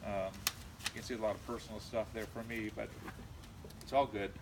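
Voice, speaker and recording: A middle-aged man from California with an American accent, giving an informal eulogy in a halting, reminiscing way with frequent pauses. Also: on the low side. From California, USA. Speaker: eulogist, nephew of the deceased. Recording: noisy amateur recording, steady background noise.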